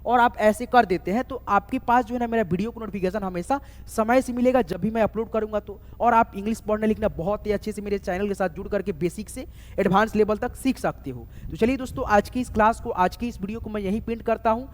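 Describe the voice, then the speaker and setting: A man teaching a spelling lesson, slowly spelling words letter by letter and often checking that viewers follow. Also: high voice. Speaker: online English tutor. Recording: echoey room with long reverb.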